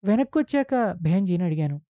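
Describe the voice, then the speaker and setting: A man narrating a literary short story for a podcast, with slow, solemn, deliberate phrasing. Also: sits high, animated, dark tone, dry recording.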